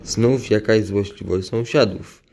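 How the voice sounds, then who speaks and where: A man reading a story aloud in a slow, even manner. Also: lowish voice.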